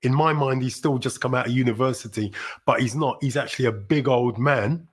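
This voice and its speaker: A middle-aged livestream host from South London, England, speaks with a London accent in a mid-range, slightly rough voice at a little fast pace. His casual stream is chatty and rambling, punctuated by sudden upbeat exclamations.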